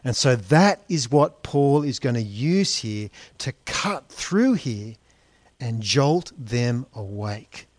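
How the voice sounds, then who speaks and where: A man's voice: medium pitch, big pitch swings, slow, darkish tone, no echo. A man preaching an expository sermon, calling listeners friends and guys, with wry sarcastic asides. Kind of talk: expository sermon on a Bible letter.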